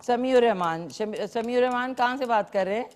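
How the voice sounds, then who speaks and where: A woman's voice: a little high, moderate pace, a little mellow. Chatty woman hosting a cooking show. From Pakistan. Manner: chatty, playful, mixes in English phrases. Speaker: morning show host. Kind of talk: live cooking show chat.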